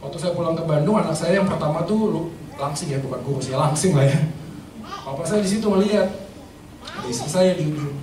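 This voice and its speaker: A man's voice: a little high, fairly quick, background noise. A man giving a sermon-like talk on family, asking the crowd questions and acting out little dialogues. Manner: animated, acts out dialogues, asks the crowd questions. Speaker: speaker at a church event. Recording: echoey hall, voice from far off.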